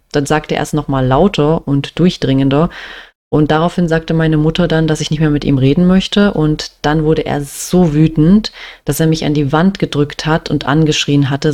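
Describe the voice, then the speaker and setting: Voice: medium pitch, dark tone. A young adult from Germany telling a personal story in a plain, matter-of-fact way, with many small fillers. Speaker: vlogger.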